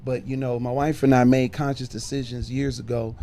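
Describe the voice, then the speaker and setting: A man's voice: medium pitch, flat delivery, a little fast, warm tone. A middle-aged man, a minister born in Chicago and raised in Detroit, telling his life story in a casual podcast interview with frequent fillers. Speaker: bishop and minister.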